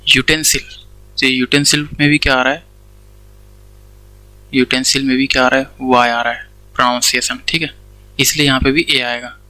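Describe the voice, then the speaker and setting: Indian guy teaching grammar, bright clear voice, dry quiet room, keeps going "theek hai". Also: medium pitch, flat delivery, normal speed, long pauses, no echo, rough recording. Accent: Indian English. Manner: explains step by step, asks questions and answers them himself, says "theek hai" often. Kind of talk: Hindi-English classroom lecture.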